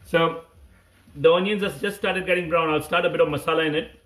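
A man's voice: on the high side, steady tone, brisk, fairly bright tone. Indian-accented man in an echoey kitchen. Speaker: cooking livestream host. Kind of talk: casual live cooking chat with viewers. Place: home kitchen, indoors. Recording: echoey room, phone mic.

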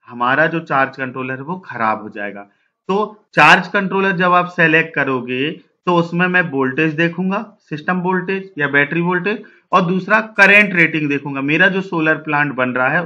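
A man's voice: a little high, pushed and bright, dull audio. A man hosting his own channel, teaching a technical lesson and working steadily through examples one step at a time. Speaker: solar instructor and channel host.

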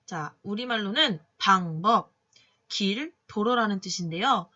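A woman teaching English phonics in a patient classroom manner, slowly sounding out each letter and cueing students along. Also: mid-range voice, lively intonation, pushed and bright, highs cut off. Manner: patient, drawn-out sounding of letters, many "자" cues. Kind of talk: slow classroom phonics lesson.

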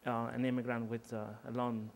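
A man from Cuba speaks English, his voice gravelly. He halts often, restarting words and filling pauses. He holds a microphone on an auditorium stage. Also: mid-range voice, completely flat delivery. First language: Spanish. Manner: halting, many fillers and restarts. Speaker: panelist writer. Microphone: handheld mic.

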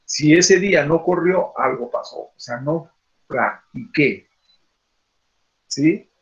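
A man leads an online class. He rambles along in a slightly high, gravelly voice, filling pauses with "este" and asking rhetorical questions. The video call audio sounds dull and lo-fi. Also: lively intonation, fairly bright tone. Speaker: teacher leading an online class.

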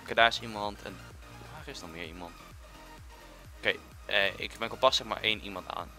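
A young man giving casual, excitable commentary while playing a game, jumping between loud outbursts and quiet muttering. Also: lowish voice, brisk, soft background music. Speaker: gaming YouTuber.

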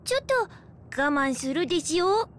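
A woman's voice: very high-pitched, very animated, a little slow, background noise, exaggerated voice. A woman voicing a small, cute, timid spirit creature in a video game, with childish, quirky phrasing. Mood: eager. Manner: childish, quirky sentence endings. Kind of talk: Japanese RPG cutscene voice acting. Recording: game soundtrack music behind.

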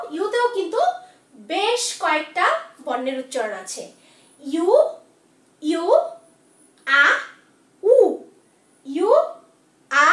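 A woman teacher giving a children's English alphabet lesson, repeating each sound slowly and quizzing her pupils. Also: very high voice, a bit bright. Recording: echoey room, voice from far off.

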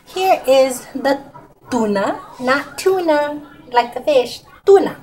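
A woman's voice: sits high, lively intonation, slow pace, a little mellow, poor audio. A middle-aged woman, chatting folksily to viewers while demonstrating a recipe in her home kitchen, recorded on a camera close by on the counter. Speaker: home cooking vlogger. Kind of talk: casual cooking demonstration.

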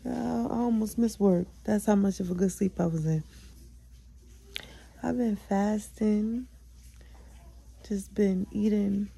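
A young woman talks straight to her listeners in a loose, candid solo podcast, swearing freely and hyping herself up. Her voice is very dark and gravelly, with a husky edge and plenty of vocal fry. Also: medium pitch, poor audio. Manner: chatty, candid, profane, self-affirming. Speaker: podcast host. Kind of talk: casual solo vlog chat.

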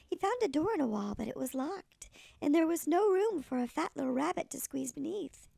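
A sweet older woman with a thin, creaky voice, reading a children's story expressively like a kindly storyteller. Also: sits high, expressive, brisk, dark tone, dry recording. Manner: sweet old lady.

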